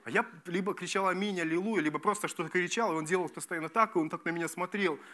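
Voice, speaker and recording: A man preaching a sermon as pastor, emphatic and lively, repeating key phrases and restarting words. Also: sits high, fast talker. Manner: lively, emphatic preaching with repetitions and self-corrections.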